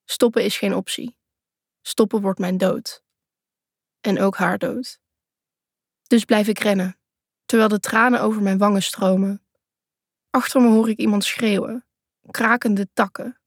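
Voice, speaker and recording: A woman's voice: mid-range voice, fairly even intonation, measured pace, pauses often, no echo, studio quality. A woman reading a first-person thriller aloud in a tense, urgent way. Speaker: audiobook narrator.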